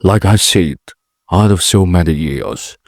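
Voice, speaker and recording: Talking solo on his vlog podcast, the host, a late-twenties man from Indonesia, speaks accented English in a low voice. He's chatty but halting, wandering off topic and fixing his own words as he goes. Recorded on a camera mic, the audio is clean and echo-free like a studio.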